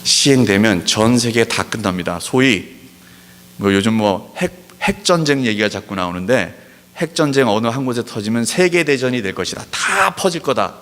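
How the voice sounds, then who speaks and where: A man preaching a sermon as pastor, pressing his points with emphatic rhetorical questions and slowing down to stress key words. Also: medium pitch, lively intonation, a bit bright, a little hiss or hum. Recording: long hall reverb.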